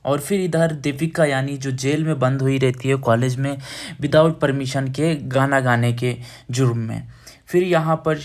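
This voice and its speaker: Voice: medium pitch, a little mellow. A narrator casually retelling a TV serial's plot, chaining events with repeated linking phrases and hesitant fillers. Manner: hesitant, with fillers and self-corrections. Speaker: recap narrator.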